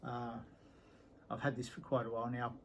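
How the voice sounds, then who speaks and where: Middle-aged male collector, casual and unhurried, mid-pitched, rambles with plenty of filler words, faint room hum behind. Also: flat delivery, poor audio. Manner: rambling and easygoing, with many ums and trailing sentences. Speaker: guitar collector showing his instruments. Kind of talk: casual show-and-tell vlog.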